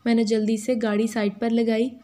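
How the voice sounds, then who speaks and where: A woman with an Urdu accent reading a first-person story as a steady, even narrator. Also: on the high side, a little fast.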